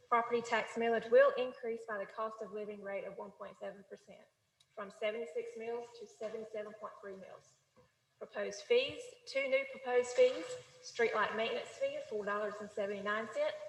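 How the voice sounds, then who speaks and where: A woman's voice: on the high side, a little hiss or hum. Businesslike woman in an echoey chamber. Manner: reads figures in a steady, businesslike way. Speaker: city staff presenting the budget. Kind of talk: formal budget presentation. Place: council chamber. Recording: echoey chamber with long reverb.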